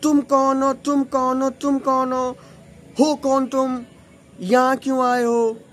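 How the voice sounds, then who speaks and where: A man voicing a shrill, angry middle-aged aunt who shouts the same demand over and over. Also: flat delivery, slow pace. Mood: shouting.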